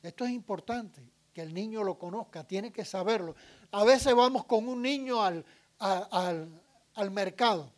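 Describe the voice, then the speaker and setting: A man giving a public talk on parenting, asking the audience questions and listing points one by one. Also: high-pitched. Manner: deliberate, lists items one by one; asks the audience questions and answers them. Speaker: speaker addressing an audience.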